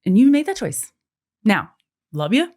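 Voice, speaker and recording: With a medium-pitched, darkish voice, very animated yet a little slow, a woman in her forties talks as a guest on a laid-back podcast. She's an adoptive mother and author from a US military family, earnest and reflective, often repeating words as she thinks.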